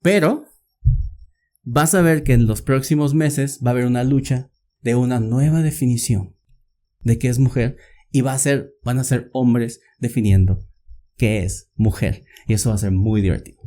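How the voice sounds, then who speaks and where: Young man, Mexican Spanish accent, mellow warm voice, lively slangy podcast chat. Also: medium pitch, normal speed. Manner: animated, laughs often, slangy. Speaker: podcast host. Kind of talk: casual conversation.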